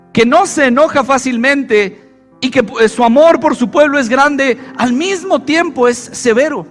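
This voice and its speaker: In a church, a male pastor with a very high, fairly bright voice preaches a sermon. He repeats key phrases and puts questions to the congregation.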